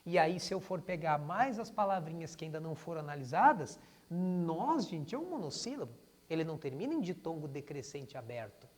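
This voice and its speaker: A man's voice: a little high, sing-song, brisk. Brazilian man teaching grammar in a hall. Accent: Brazilian Portuguese. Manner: addresses students as "gente", refers to himself as "o prof". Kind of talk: classroom lesson. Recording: long hall reverb.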